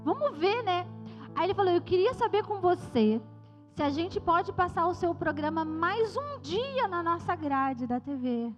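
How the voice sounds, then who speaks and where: A Brazilian woman missionary giving a joking, lively testimony to a youth church service. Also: very high-pitched, a little slow. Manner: lively, joking storyteller addressing the crowd. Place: church hall. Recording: reverberant church hall, slightly dull sound, music behind.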